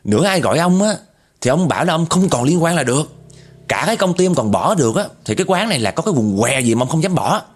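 A brash young man snapping back loud and fast in a retold story, put on by a male storyteller. The voice sits higher than the narrator's own, insolent and quarrelsome. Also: very animated, breathy edge. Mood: shouting, insolent.

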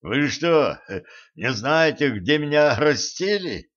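A man voicing a sly, proud old male sorcerer who bristles quickly, read slowly in a slightly dull recording. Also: on the high side, animated, fairly bright tone, pitched above the performer's own voice. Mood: indignant.

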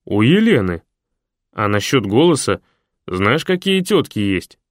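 A man's voice: on the low side, very animated, measured pace, no echo. Male reader doing a rude snarling sadist machine, dry close sound. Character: crude sadistic machine, gruff man.

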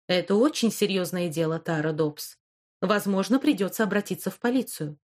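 A woman's voice: medium pitch, animated, normal speed, darkish tone, close to an everyday voice. Woman voicing a stern school headmistress. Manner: stern, formal, indignant. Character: stern middle-aged female school headmistress. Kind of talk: audiobook character voice.

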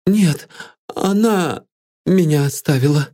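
A man's voice: fairly high pitch, slow, dark tone, pitched above the performer's own voice. A man voicing a proud, cool young woman who turns feverish under questioning, read as an audiobook figure. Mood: agitated. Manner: cool and scornful, rising to feverish alarm.

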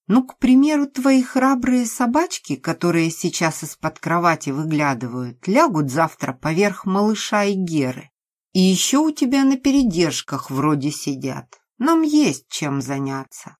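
Woman doing coarse drunk female thug, threatening, rough slang, low voice. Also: big pitch swings, measured pace, exaggerated voice. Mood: menacing.

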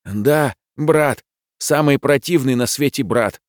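A man's voice: medium pitch, slow, dry recording, studio quality, voice pushed up, natural voice. A man playing a hot-tempered teenage boy. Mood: indignant. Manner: loud and exasperated. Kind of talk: audiobook character voice.

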